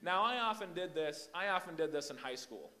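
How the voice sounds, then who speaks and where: A young man who grew up in Hong Kong and the Philippines gives an animated, emphatic youth sermon as an invited speaker, often repeating his words. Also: a little high, a little fast.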